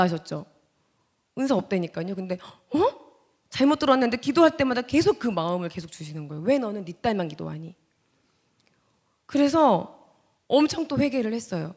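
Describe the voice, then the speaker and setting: A woman in her thirties, an actress giving a testimony as guest speaker in a church, telling her story with strong feeling and acting out her own past words. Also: a little high. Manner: swings between loud outbursts and hushed, near-whispered lines. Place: church sanctuary.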